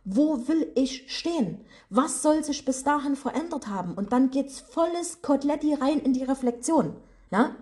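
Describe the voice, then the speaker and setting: This woman has a high, animated, mellow voice and talks at a normal speed. She's a business and mindset coach with a regional German dialect, recording a motivational podcast monologue in her office and speaking to her audience in a casual, direct style.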